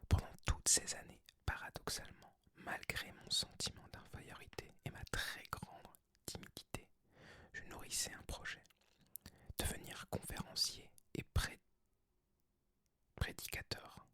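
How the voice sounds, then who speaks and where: A person of unclear sex whispering softly and breathily, as in a library, in an ASMR book reading. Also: a little slow. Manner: soft, hushed library whisper. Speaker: ASMR creator reading aloud.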